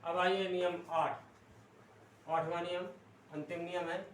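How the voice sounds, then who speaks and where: Slow, deliberate man teaching grammar. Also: high-pitched, level tone. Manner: repeats each term slowly, checks in with "ठीक है?". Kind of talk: slow classroom explanation. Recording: echoey room, distant mic, faint noise.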